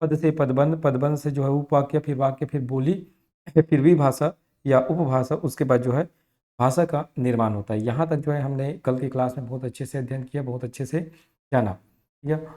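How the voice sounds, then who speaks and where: Hindi teacher drilling definitions, repetitive. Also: male voice, mid-range voice, fairly even intonation, normal speed, warm tone. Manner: repetitive, drills key phrases word by word; keeps checking in with the class. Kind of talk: exam-prep grammar lesson.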